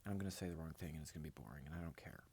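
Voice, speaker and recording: A man's voice: very deep voice, rapid-fire, a little mellow, slight background noise. A man vlogging in a rambling, grandiose monologue straight to his viewers. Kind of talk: casual vlog monologue.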